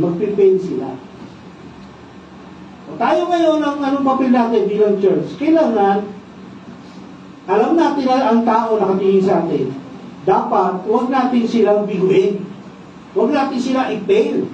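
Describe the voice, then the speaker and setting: High-voiced Filipino pastor in an echoey church. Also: male voice, expressive, normal speed, pauses often, warm tone, slight background noise. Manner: asks the congregation questions, tags lines with "no?". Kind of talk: sermon. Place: church worship service. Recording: echoey, distant and dull church sound.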